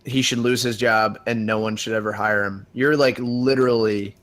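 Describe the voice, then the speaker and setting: A man's voice: lowish voice, steady tone, normal speed, a bit bright. A man co-hosting a podcast, making wry, pointed remarks in casual chat. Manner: wry, argumentative asides. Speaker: podcast co-host.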